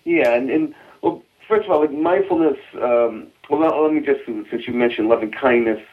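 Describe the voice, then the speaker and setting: A man's voice: medium pitch, moderate pace. A man with a Boston accent, a guest explaining mindfulness research in a radio interview, earnest, often repeating words as he starts a sentence. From Boston area, US. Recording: tinny phone line.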